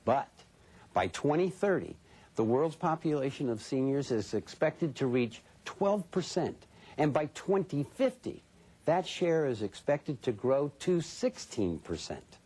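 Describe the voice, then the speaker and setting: A man's voice: mid-range voice, big pitch swings, unhurried, mellow, breathy edge. A man presenting a television program as host, reading from a script.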